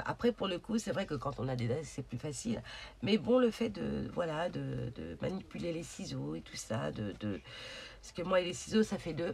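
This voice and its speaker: Woman showing off her craft project, chatty and hesitant, lots of ums, gravelly fry in her voice. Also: low voice, a little mellow, a little hiss or hum. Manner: chatty, hesitant, many fillers. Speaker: craft channel host. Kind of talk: casual crafting tutorial.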